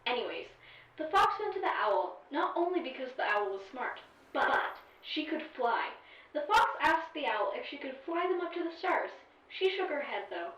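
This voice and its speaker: A woman performs a snippy AI sidekick for an audio drama, very animated and a bit bright, her voice sitting high at a moderate pace. She tells the story with sass, heavy sighs and dramatic emphasis, though the echoey, distant recording dulls her sound.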